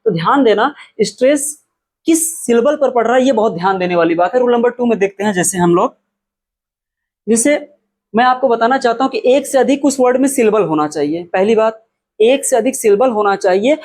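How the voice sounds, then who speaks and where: High-voiced man teaching a slow lesson. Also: a little mellow. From India. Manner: repeats key words slowly, asks and answers his own questions. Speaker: English teacher. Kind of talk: explanatory spoken lesson.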